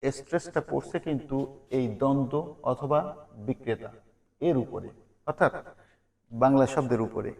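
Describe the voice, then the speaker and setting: A man's voice: medium pitch, moderate pace, gravelly, darkish tone. A man teaching a vocabulary lesson. He repeats each word and its meaning as a drill, and he asks questions and then answers them. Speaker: English teacher.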